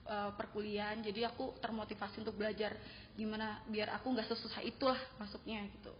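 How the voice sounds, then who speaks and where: A young woman, a university student, telling her story casually in an interview, with lively acted quotes. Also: mid-range voice, fast. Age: young adult. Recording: dull sound with long reverb and faint noise.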